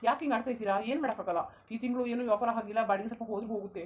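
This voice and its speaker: A woman's voice: a little high, racing, lightly acted. A woman voicing a young male shopkeeper in a cartoon, who speaks Karnataka Kannada and keeps pleading with and placating his grandmother. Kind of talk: cartoon voice acting.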